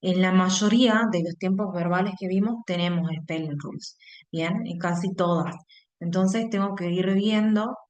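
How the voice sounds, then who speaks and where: A woman's voice: fairly low pitch, normal speed, a little mellow. A woman with an Argentine Spanish accent teaching an online English class, explaining step by step and checking in with her students after nearly every phrase.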